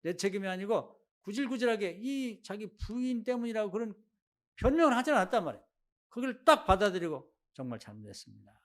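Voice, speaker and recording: Animated preacher with a lively, higher voice. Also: male voice, a little fast. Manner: animated storytelling, acting out biblical quotes. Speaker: pastor. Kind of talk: Sunday sermon. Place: church sanctuary.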